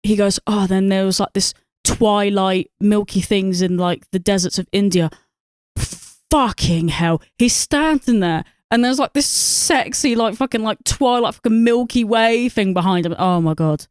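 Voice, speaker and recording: Woman, podcast co-host, rambling, sweary, smooth clear voice, dry close sound. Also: mid-range voice, unhurried, dry recording. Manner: rambling, sweary, lots of fillers and laughs. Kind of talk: casual film review chat.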